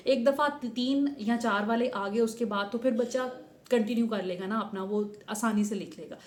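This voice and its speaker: A woman's voice: on the high side, moderate pace, darkish tone, reverberant. A woman teaching parents how to teach Urdu reading and writing at home. She spells words out letter by letter, patiently, and keeps checking in with "theek hai" while mixing in English words. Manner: mixes many English words into her Urdu.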